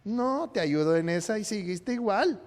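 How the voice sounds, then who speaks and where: A man's voice: sits high, expressive, normal speed, a little mellow. A man preaching a sermon in a church, joking and quizzing his congregation. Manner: playful, jokes and quizzes the congregation. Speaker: pastor. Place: church sanctuary. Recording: long church hall reverb.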